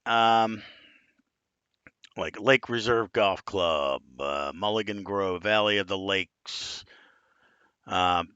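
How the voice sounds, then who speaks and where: A man in his fifties with a deep, gravelly voice, chatting casually and bluntly as he reviews game courses on a live stream. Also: fairly bright tone, no room sound, dull audio. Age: 50s.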